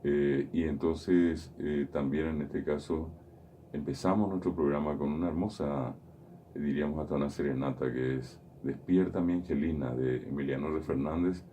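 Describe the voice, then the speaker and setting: A man's voice: rumbling low, fairly even intonation, normal speed, dark tone, a little hiss or hum. A man hosting a radio show, patiently explaining pronunciation and repeating his examples. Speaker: radio host teaching Guaraní. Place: radio studio.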